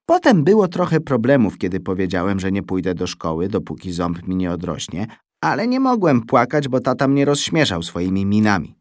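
Man reading a kids' story, lowish voice, very lively melody, dry close sound. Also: moderate pace, dry recording. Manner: expressive, storytelling. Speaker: reader.

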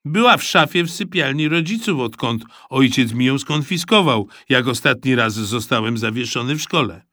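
A man voicing an excitable, stubborn young boy who argues insistently. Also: medium pitch, normal speed, dry recording, studio quality, pitched above the performer's own voice. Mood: explaining. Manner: pleading, insistent.

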